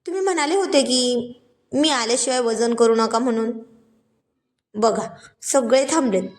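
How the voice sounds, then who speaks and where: A woman's voice: on the high side, normal speed, roomy sound, natural voice. A woman voicing a formal, older village patriarch in a spoken story. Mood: urging. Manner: formal, urging.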